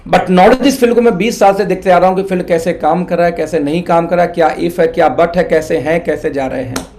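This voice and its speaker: A man's voice: sits high, fairly quick, darkish tone. A middle-aged man from India, an earnest, persuasive network marketing mentor who mixes English words into his Hindi and addresses listeners as friends. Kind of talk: motivational business talk.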